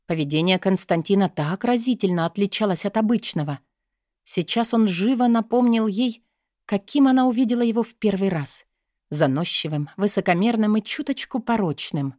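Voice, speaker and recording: A woman reading an audiobook in a measured, expressive way. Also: medium pitch, no echo, clean studio sound. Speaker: narrator. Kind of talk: audiobook narration.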